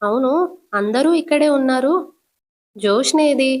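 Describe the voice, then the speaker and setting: A woman's voice: high-pitched, unhurried, voice pushed up. A woman voicing a frantic middle-aged mother who cries and pleads, her voice rising. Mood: worried.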